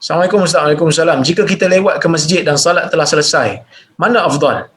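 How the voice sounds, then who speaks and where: A man with a Malaysian Malay accent reading out listeners' questions and answering them in a religious Q&A lecture, explaining plainly and jumping up in pitch to stress points. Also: quick pace, fairly bright tone. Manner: reads questions aloud then explains plainly.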